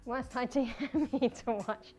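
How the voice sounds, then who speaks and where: A woman's voice: sits high, steady tone, unhurried, darkish tone, soft background music. A woman with a broad New Zealand accent chatting casually and colloquially as she hosts a cooking livestream, in a jokey way. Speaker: livestream host.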